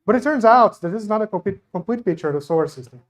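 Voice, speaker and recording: High-pitched, expressive and very fast, a young man with a Brazilian accent and native Portuguese presents an informal science talk that pokes fun at himself. He's an astronomy researcher using a handheld microphone before a live audience.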